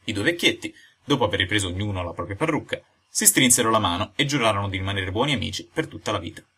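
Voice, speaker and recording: A male audiobook reader narrates a classic tale with a lively, rising and falling delivery. His voice is bright and a bit husky, at a middling pitch. The telling stays animated from line to line. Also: fast. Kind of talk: scripted narration.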